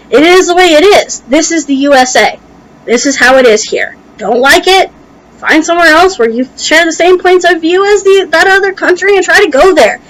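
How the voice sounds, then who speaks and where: A woman's voice: sits high, a bit bright, poor audio. A young American woman giving an opinionated vlog rant in a heated, emphatic way, her speech slightly impeded by a tongue piercing and allergies. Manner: heated, emphatic, casually profane. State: allergies making it hard to talk. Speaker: video blogger. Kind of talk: opinionated reaction rant to camera.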